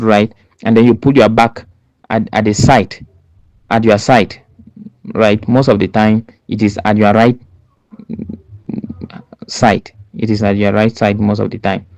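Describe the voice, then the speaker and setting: A man's voice: lowish voice, darkish tone, dry recording. A man giving an exam preparation lesson, talking emphatically, repeating himself and checking in with "right?". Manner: repetitive, emphatic, with many restarts and "right?" checks. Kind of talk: spoken lesson.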